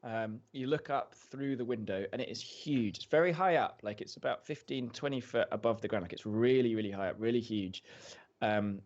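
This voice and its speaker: A man's voice: mid-range voice, moderate pace. A man narrating a tabletop game as game master, in a loose, filler-heavy way, on dull lo-fi podcast audio.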